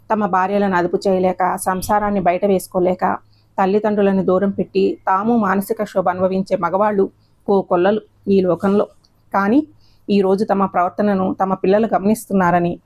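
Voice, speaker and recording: A woman's voice: mid-range voice, darkish tone, natural voice. A woman voicing an elderly retired male schoolteacher who lectures in a stern, moralizing way. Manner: lecturing, preachy.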